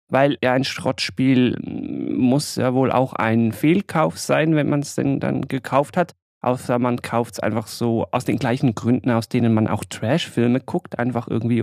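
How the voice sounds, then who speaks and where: A man hosting a casual podcast, talking in a relaxed, conversational way and guiding his guest with questions. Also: medium pitch, gravelly, no echo, studio quality. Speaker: podcast host.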